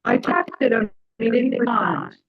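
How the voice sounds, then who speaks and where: A woman's voice: on the high side, fairly even intonation, measured pace, no room sound. A woman joining a meeting over a video call, explaining connection trouble in a plain, matter-of-fact way, her voice coming through garbled and glitchy. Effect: garbled, glitchy video-call audio. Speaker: remote meeting participant. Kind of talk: casual meeting chat. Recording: dull lo-fi video-call line.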